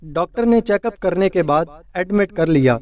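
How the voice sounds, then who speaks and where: A man narrating a story in a steady, plain storytelling manner from a script. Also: sits high, far from the mic.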